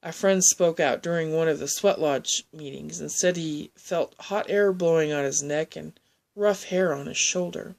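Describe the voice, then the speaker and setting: A woman telling a personal story in a halting, rambling way, often restarting her sentences. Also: low-pitched, creaky, darkish tone.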